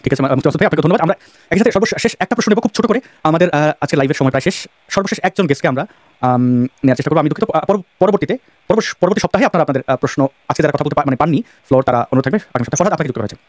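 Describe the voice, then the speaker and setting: Fast high-voiced male host, dry sound. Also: expressive, no echo. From Bangladesh. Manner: fast, many fillers and restarts. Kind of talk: live online talk show.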